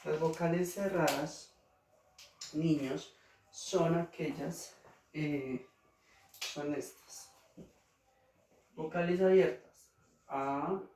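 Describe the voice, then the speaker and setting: Colombian guy teaching kids, slow and patient, kinda high voice, echoey room from a distance. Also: dark tone. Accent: Colombian Spanish. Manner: patient, repeats each example word slowly. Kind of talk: slow classroom explanation to children. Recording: roomy, distant mic, faint noise.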